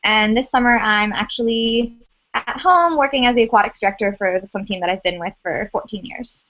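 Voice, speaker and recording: A young woman from California, a student peer advisor, introducing herself relaxed. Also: on the high side, a little fast. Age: young adult. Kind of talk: casual introduction. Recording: dull lo-fi audio.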